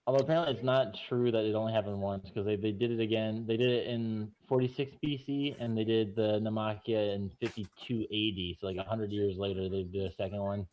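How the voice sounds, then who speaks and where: A man's voice: on the low side, fairly even intonation, brisk, hardly any pauses, darkish tone, low-quality recording. A man co-hosting a podcast in casual chat, rambling and thinking aloud with many "like"s. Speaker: podcast co-host.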